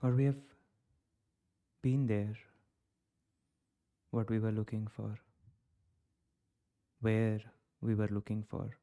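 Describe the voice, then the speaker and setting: A man from India, guiding a reflective contemplation in slow, short phrases with long pauses. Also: on the low side, steady tone, mellow. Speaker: contemplation guide. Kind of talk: guided contemplation.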